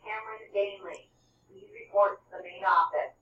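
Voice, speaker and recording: A woman making a slow, repeated announcement to a school over a PA loudspeaker. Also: mid-range voice, steady tone, slight background noise. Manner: slow, repeated call for a student. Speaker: office announcer. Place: school classroom, heard through ceiling speaker. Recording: echoey, dull, distant loudspeaker.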